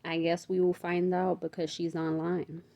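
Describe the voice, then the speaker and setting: A woman's voice: fairly low pitch, moderate pace, vocal fry, muffled recording. Woman reading as a firm, practical sister. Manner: firm, calming.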